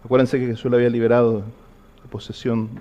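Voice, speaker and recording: A man's voice: medium pitch, flat delivery, brisk, mellow, muffled recording. Man preaching with earnest questions. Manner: earnest, repetitive questions to the listener. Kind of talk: sermon.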